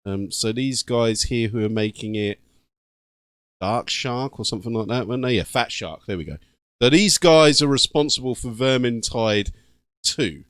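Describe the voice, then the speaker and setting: A man's voice: medium pitch, lively intonation, normal speed, clear, resonant tone, no echo, clean studio sound. A British man hosting a gaming channel, giving casual, slangy reaction commentary in an informal way. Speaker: YouTube gaming channel host.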